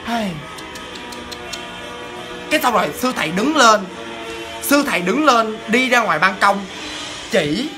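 Animated woman telling ghost stories. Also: a little high, measured pace, long pauses, over music. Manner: chatty, animated, addresses listeners. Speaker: storyteller. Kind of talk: casual ghost-story telling.

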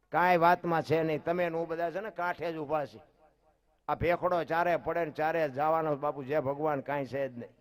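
A man telling folk stories live, chatting directly with his listeners. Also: a little high. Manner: chatty, addresses listeners directly, laughs softly. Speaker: folk storyteller. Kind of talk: live folk storytelling to an audience.

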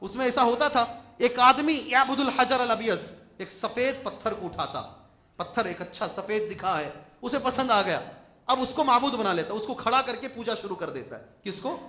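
High-voiced preacher, lo-fi. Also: male voice, lively intonation, roomy sound. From India. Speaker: Islamic preacher. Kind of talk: Quran commentary sermon. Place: mosque. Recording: dull lo-fi mosque recording.

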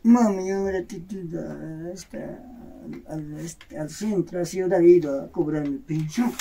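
A woman's voice: lowish voice, measured pace, gravelly, mellow, a little hiss or hum. Woman playing a meek old Peruvian pensioner man. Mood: plaintive. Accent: Peruvian Andean Spanish. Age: over 60. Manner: plaintive, complaining. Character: henpecked old male pensioner, plaintive and meek. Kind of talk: comedy sketch acting.

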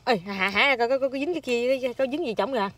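A woman's voice: on the high side, fast talker, fairly bright tone. A woman filming a casual family vlog, talking to her small child in a chatty, coaxing and playful way. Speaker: mother filming her toddler. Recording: home recording with clear background noise.

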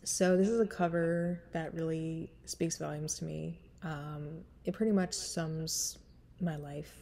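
An unhurried woman in her 30s with a dark, smoky, husky low voice and fairly even intonation talks into a webcam in a small room. Stuffy-nosed, the singer vlogger rambles frankly with laughs in casual chat before a cover song, with slight background noise present.

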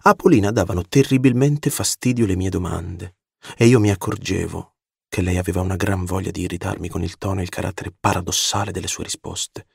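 A man narrating a classic novel as an audiobook, with an expressive, dramatic reading. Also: deep voice, fairly quick, creaky, slightly rough, no echo, clean studio sound. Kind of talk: scripted literary narration.

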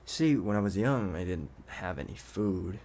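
A man uses a low, expressive voice to portray a playful, obsessive young intruder in an ASMR roleplay. Coaxing the listener like a doting owner, he speaks in a wistful mood with hesitant pauses and hushed asides.

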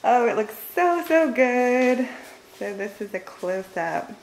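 A woman's voice: on the high side, lively intonation, takes it slowly, a little hiss or hum, rough recording. A woman in her thirties giving a casual, upbeat home tour vlog, holding the camera in a large house and chatting with many fillers. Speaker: home vlogger. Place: large house with open living room and kitchen. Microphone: handheld camera, filming herself off screen.

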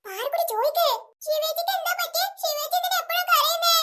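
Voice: very high-pitched, fast talker, noisy background. A performer playing a cheeky, playful little girl in a family skit who munches food and teases her elders. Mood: earnest. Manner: playful, giggly, food-loving.

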